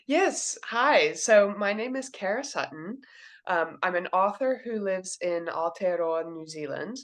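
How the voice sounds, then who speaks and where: A woman's voice: mid-range voice, lively intonation, a little slow. A woman in her thirties from Kentucky, a children's book author answering interview questions and explaining things simply. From Kentucky, USA.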